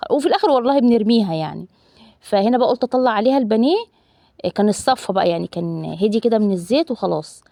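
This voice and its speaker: In her thirties and speaking with an Egyptian Arabic accent, a family vlogger chats casually to viewers she treats as loved ones while narrating her cooking, with frequent fillers. Her voice is on the high side and mellow, captured in a dry, clean studio recording.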